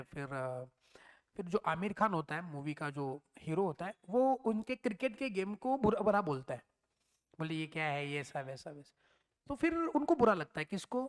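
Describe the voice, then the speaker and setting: A male teacher giving a recorded exam-prep lecture, explaining step by step, asking and answering his own questions, and dropping in English terms. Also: high-pitched.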